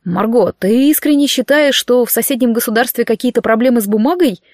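A woman voicing a young male mage husband with a teasing, weary deadpan. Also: on the high side, fairly quick, no room sound, clean studio sound, lightly acted. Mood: wry.

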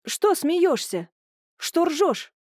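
A woman's voice: unhurried, dark tone, no room sound, clean studio sound. A woman voicing an emotional young woman who pleads and protests tearfully in an audiobook. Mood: upset. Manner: shrill, pleading, agitated.

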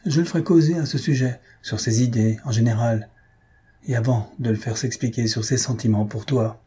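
A husky-voiced man reading aloud, voicing a scheming, self-important middle-aged mother in a storybook. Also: medium pitch, normal speed, mellow.

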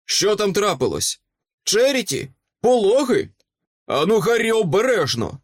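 A man's voice: a little high, animated, unhurried, darkish tone, no room sound, clean studio sound. A man voicing a brave middle-aged knight, urgent and anguished for his wife.

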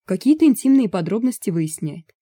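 A woman's voice: mid-range voice, big pitch swings, a little fast, mellow, slightly rough, dry recording, clean studio sound, pitched above the performer's own voice. A woman voicing a snide, joking man among colleagues. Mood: reassuring. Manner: snide, mocking.

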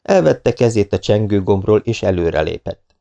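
A man reads a novel aloud in a steady, measured way. His voice is low with a gravelly grain and a mellow, dark tone. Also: muffled recording. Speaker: audiobook narrator. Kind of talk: audiobook narration.

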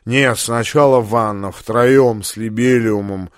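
A befuddled, drunk professor drags out his words and trips over names, as a man puts him on in an audiobook. He speaks slowly, and the recording is dry and close. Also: on the low side, fairly even intonation, dry recording. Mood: slurred. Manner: slow, slurred, stumbling speech. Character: drunk, dazed male professor.

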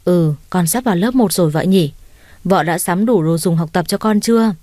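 A woman's voice: fairly low pitch, moderate pace, mellow, dry recording, natural voice. A woman reading a tender, reassuring young man. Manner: reassuring, affectionate. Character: caring young man, fiancé and stepfather.

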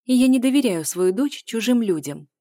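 A woman voicing a sharp-tongued young mother who speaks in a raised, cutting, indignant tone in an audiobook. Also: on the high side, lively intonation, normal speed, no room sound, studio quality, voice pushed up, close to an everyday voice. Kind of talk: audiobook dialogue reading.

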